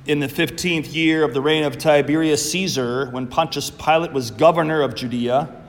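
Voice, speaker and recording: A man serving as priest, reading the Gospel and preaching a homily in a slow, measured, earnest way, his voice ringing through a large church. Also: a little high, fairly even intonation. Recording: long echoing church reverb.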